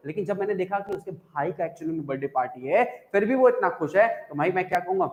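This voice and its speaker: A high-pitched man with an Indian accent teaches English grammar to an online class, repeating each point and checking whether students follow. His voice rings in an echoey room with a long reverb. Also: animated, fast, a little mellow. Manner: explains by repeating and asking the class questions. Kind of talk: live online class in Hindi-English mix.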